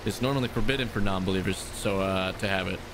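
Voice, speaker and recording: A man voicing a solemn, menacing cult follower from a video game, preaching somewhat haltingly. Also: deep voice, background noise, lightly acted. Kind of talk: video game dialogue read aloud.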